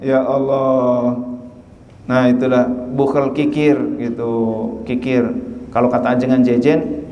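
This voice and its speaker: A man's voice: mid-range voice, dark tone. A man giving a chatty sermon at a study gathering, joking and acting out little dialogues. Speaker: preacher. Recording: echoey hall from far off.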